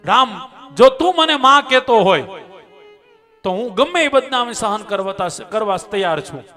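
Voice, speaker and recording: A man's voice: sits high, lively intonation, normal speed, bright, forceful tone, faint music behind. A man voicing a pleading, grieving queen mother. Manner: pleading and emotional.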